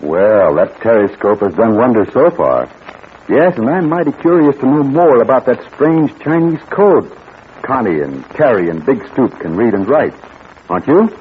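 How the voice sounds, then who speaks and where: A man's voice: medium pitch, expressive, normal speed. A male announcer wrapping up and teasing the next episode of a radio serial in a chummy manner, heard as an old radio show. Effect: old radio show sound. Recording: tinny old radio broadcast with faint hiss.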